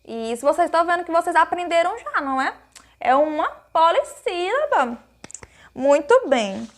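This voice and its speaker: A Brazilian woman with a high, light voice gives a recorded grammar lesson to small children. She explains each point slowly and patiently, asks her pupils questions and answers them herself. She is affectionate and uses lots of diminutives. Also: lively intonation, fairly bright tone. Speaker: primary school teacher.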